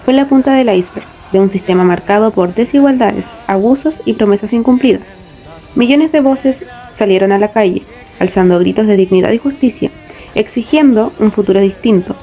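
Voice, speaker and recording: A woman's voice: medium pitch, normal speed, warm tone, soft background music. A woman giving earnest, scripted documentary narration. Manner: earnest, rhetorical.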